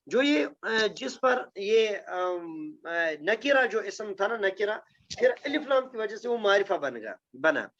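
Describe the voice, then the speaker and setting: His pitch is high and swings widely, with a somewhat bright quality. The man, a Quranic Arabic grammar teacher, walks his class through the material step by step with recitation, constantly checking in with students. The sound is dull and lo-fi.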